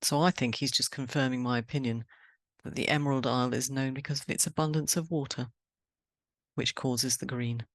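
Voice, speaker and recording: A woman from England hosting a poetry podcast, talking in a chatty, brisk, cheerfully emphatic way and interviewing a guest. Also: very deep voice, steady tone, no room sound. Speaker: podcast host.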